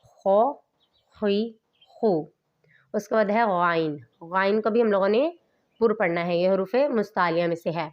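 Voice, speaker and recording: A woman's voice: mid-range voice, muffled recording. A woman teaching Quran reading, patiently explaining and then carefully enunciating each letter sound in turn. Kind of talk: slow instructional recitation lesson.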